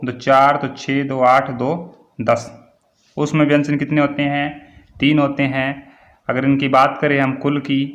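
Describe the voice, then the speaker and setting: A man teaching a Hindi grammar lesson, dictating definitions slowly and repeating key words for students. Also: medium pitch, fairly bright tone. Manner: slow, repetitive dictation, word by word.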